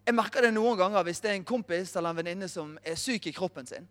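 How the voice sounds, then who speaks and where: Male preacher, high bright voice, animated self-mocking storytelling. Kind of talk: storytelling sermon.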